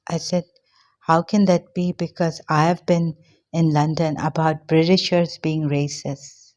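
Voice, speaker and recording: An older woman from Pakistan telling a personal story in a halting way, with many fillers and pauses, a little out of breath. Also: low voice, little pitch movement, darkish tone. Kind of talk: personal testimony monologue.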